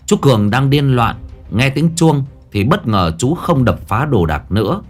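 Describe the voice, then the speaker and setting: A man's voice: medium pitch, big pitch swings, measured pace, faint music behind. A man narrating a Vietnamese ghost story in the first person, telling it in a dramatic way.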